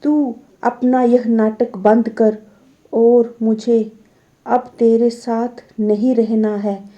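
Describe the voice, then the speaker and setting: A woman's voice: fairly high pitch, level tone, extremely slow, mellow. A woman voicing a stubborn, angry older mother-in-law who scolds and insists, on a dull lo-fi recording.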